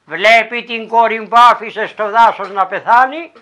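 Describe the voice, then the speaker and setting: Μια γυναίκα από τη Ρόδο με ροδίτικη προφορά αφηγείται παραδοσιακό παραμύθι με ομοιοκαταληξίες και δραματικές εναλλαγές έντασης. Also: female voice, a little high, pushed and bright. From Laerma, Rhodes. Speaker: folk storyteller. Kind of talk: traditional folk tale telling.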